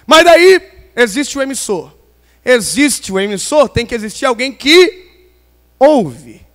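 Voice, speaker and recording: High-voiced preacher man in a reverberant hall. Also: lively intonation, slow. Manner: playful, swings from loud emphasis to quiet asides. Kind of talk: pentecostal sermon with humorous stories. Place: large church hall.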